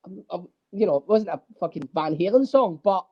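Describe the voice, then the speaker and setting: A man, a guest drummer, telling animated, swear-filled stories in a casual interview. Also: sits high, brisk, muffled recording. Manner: animated storyteller, swears freely.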